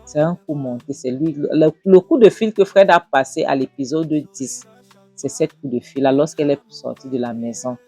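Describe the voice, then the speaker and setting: Woman recapping a series, halting. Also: rumbling low, warm tone, husky, faint music behind. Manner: halting, lots of fillers and restarts. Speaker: host. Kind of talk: casual episode recap.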